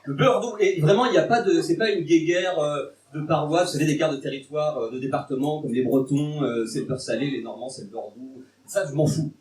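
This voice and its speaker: A man's voice: fairly high pitch, brisk, few pauses, darkish tone, soft background music. A young man from Bordeaux doing his first live stand-up set, nervous, rambling and self-mocking. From Bordeaux, France. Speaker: stand-up comedian. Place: live comedy venue with audience. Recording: echoey venue from far mic, noisy.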